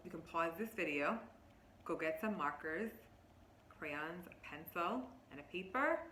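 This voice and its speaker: A woman teacher with a lowish voice reads a picture book aloud, speaking directly to young children, expressive and instructive, stopping to explain words and pose questions. The recording is roomy and echoing, with faint background noise.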